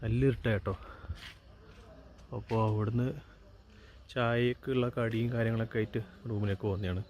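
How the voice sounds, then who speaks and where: A man's voice: on the low side, level tone, a little fast, darkish tone. A man with a Malayali accent giving a casual walk-through vlog narration, mixing Malayalam with English words. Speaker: travel vlogger. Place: on location around a forest resort. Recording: noisy on-location recording, outdoor ambience.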